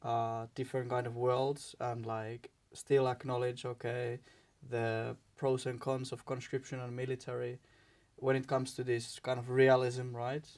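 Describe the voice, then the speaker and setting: A man's voice: medium pitch, monotone, a little slow, darkish tone. A man from Finland, a debate guest, speaking hesitantly and searching for words. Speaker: debate guest opposing conscription. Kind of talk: casual debate chat.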